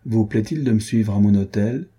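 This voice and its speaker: A cool, sly captain weighing up a useful rogue, read by a man in an audiobook. The voice is low, dark and husky, unhurried and calculating.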